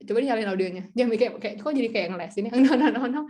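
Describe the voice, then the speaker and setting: A young adult woman speaking as a guest tutor in a casual webinar talk over a video call, chatty and animated, laughing often and acting out other people's replies. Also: a little high, rapid-fire. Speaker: guest speaker, French tutor and content creator.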